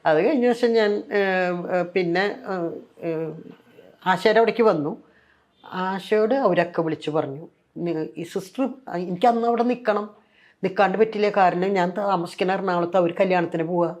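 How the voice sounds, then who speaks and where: A woman's voice: on the low side, moderate pace. An older woman from Kerala with a Malayalam accent, telling her story in an interview and acting out what others said. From Kerala, India. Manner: animated, acts out quoted voices, frequent fillers. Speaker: interviewee, former nun. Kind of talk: conversational storytelling.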